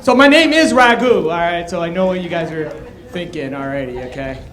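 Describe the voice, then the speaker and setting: A man in his thirties working a comedy club crowd with loud, punchy stand-up delivery. His voice sits high for a man, and the sound rings through an echoey club room. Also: animated, a little fast. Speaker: stand-up comic. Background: audience laughter.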